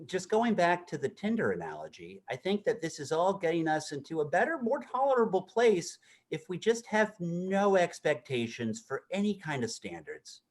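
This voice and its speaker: A man's voice: high voice, big pitch swings, moderate pace, hardly any pauses. A man co-hosting a comedy show, speaking in a hesitant, mock-earnest way and repeating words.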